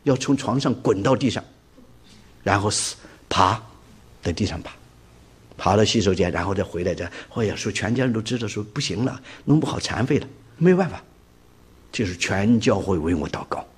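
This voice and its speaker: A husky man, a preacher, giving an animated personal testimony and acting out the dialogue he quotes. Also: lowish voice, moderate pace, pauses often. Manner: vivid storyteller who acts out quoted dialogue.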